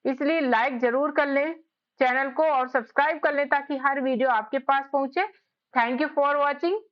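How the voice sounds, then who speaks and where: A woman teaching English spelling in a casual lesson, explaining slowly letter by letter. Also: high voice, steady tone. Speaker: English tutor. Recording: slightly dull lo-fi sound.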